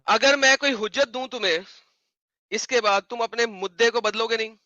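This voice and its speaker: Sharp, bright-voiced mocking debater man. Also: extremely high pitch, no echo, lo-fi sound. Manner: mocking, insistent, repeats his questions. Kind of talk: heated online debate.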